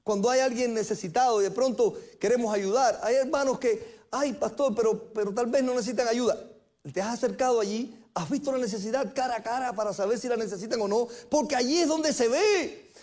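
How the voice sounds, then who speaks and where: A middle-aged male pastor preaching a sermon in a church, earnest, repeating phrases and slowing down to stress his points. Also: very high-pitched, a little mellow. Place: church sanctuary.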